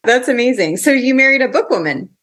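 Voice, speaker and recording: A woman hosting a podcast, reading a prepared introduction and then chatting in a bright, upbeat way. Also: high-pitched, animated, quick pace. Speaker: podcast host. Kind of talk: scripted intro, then casual interview.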